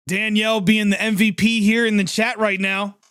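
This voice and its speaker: A man with a fairly high voice gives live play-by-play reaction commentary, excitable and chatty and quick to react to every play. The sound is dry and close, with no room echo. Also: smooth. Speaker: livestream sports reaction host.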